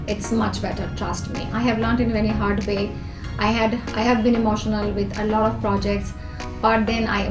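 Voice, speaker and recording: Woman, Bangladeshi English accent, earnest advice vlogger, slightly high voice, roomy echo. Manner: earnest, explains numbered tips with everyday examples. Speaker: youth organisation president and vlog host. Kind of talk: talking-to-camera advice vlog. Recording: echoey room with music behind.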